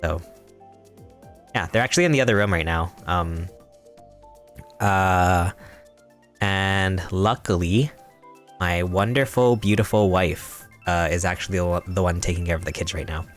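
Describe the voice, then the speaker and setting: A man's voice: low voice, measured pace, pauses often, soft background music. A young man streaming a game live, chatting casually with his viewers in a rambling, giggly, playfully mock-serious way. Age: young adult. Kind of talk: casual live-stream chat while gaming.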